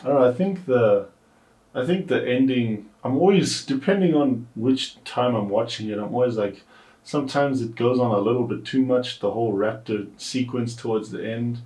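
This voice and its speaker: A man's voice: mid-range voice, moderate pace, warm tone. A man co-hosting a podcast, chatting casually about a film and thinking aloud with hedges. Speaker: podcast co-host. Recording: echoey room.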